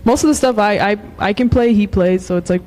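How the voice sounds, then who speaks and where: A young Los Angeles woman, a musician guest, chats casually in an interview, using lots of fillers and laughing often. Her mid-range voice is brisk and slightly mellow.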